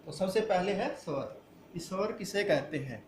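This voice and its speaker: A man's voice: high voice, expressive, moderate pace, echoey room, a little hiss or hum. A man teaching a grammar lesson who asks the class questions and answers them himself. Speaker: school teacher.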